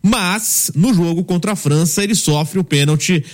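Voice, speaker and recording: A man hosting a football panel, measured and pausing on fillers. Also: high-pitched. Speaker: host. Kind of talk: sports panel commentary.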